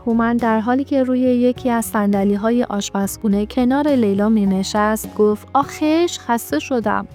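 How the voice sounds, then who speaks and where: A woman's voice: a little high, steady tone, dark tone. Woman narrating a story over faint music.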